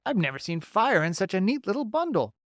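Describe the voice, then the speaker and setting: A man's voice: high-pitched, sing-song, fairly quick, studio quality, voice pushed up. Eager talkative beaver guy in an audiobook, done by a male reader, raised voice, no room echo. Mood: chatty. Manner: chatty and eager, giving folksy advice. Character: friendly, talkative middle-aged male beaver builder. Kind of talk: audiobook character voice.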